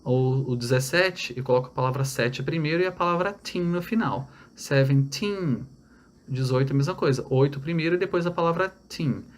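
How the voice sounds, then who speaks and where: A man from Brazil giving an online English lesson, explaining step by step and checking in with his students. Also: on the high side. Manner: explains step by step, repeats numbers slowly in English; checks in with "tá?" and "olha lá". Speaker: English teacher.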